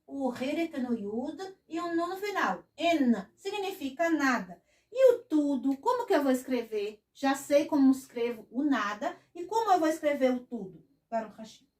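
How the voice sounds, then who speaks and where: A woman teaching a lesson at a whiteboard, patiently repeating each word slowly and often adding a short blessing. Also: high-pitched, big pitch swings, a little mellow. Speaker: Hebrew teacher. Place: room with a whiteboard. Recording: echoey room, voice from a distance.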